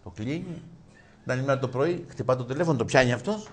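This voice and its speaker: A man telling jokes in a chat, acting out the characters and going high and loud at the punchlines. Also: lively intonation, heavy background noise. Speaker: joke teller.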